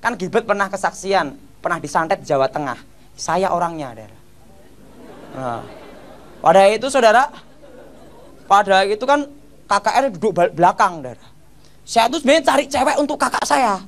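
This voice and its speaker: A middle-aged man with a Javanese-tinged Indonesian accent, preaching a testimony as a lively storyteller who acts out the voices in his story. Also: high-pitched, normal speed, long pauses. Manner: animated storyteller, acts out voices, shouts quoted lines. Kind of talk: testimony sermon.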